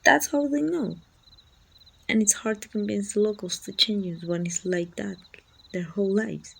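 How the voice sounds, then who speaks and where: In an ASMR roleplay, a woman with a Mexican accent voices a friendly, chatty city guard from a medieval fantasy kingdom, speaking politely and reassuringly to the listener. Her mid-range voice is creaky with a breathy edge, heavily acted, and she sounds puzzled yet helpful.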